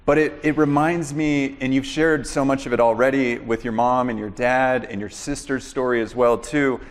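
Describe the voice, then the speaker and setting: Brief: male interview host, mid-pitched, rambling storyteller, long room reverb. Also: steady tone. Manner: rambling, fills pauses with "you know" and "uh". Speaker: podcast host interviewing a guest.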